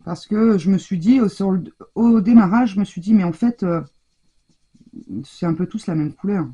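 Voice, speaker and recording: A female host explains a craft technique while working, speaking straight to her audience and often starting over or trailing off. Her medium-pitched voice is warm and husky at a moderate pace, with the highs cut off in the recording.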